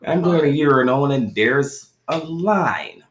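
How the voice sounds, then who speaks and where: A man co-hosting a casual podcast, telling stories with lively, acted-out quotes. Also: a little high, slow pace. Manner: animated storyteller acting out quoted voices. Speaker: podcast co-host. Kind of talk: casual storytelling chat. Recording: roomy echo.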